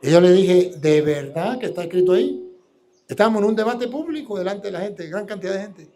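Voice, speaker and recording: Priest, man, high voice, preaching live, combative and full of rhetorical questions. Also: lively intonation, brisk.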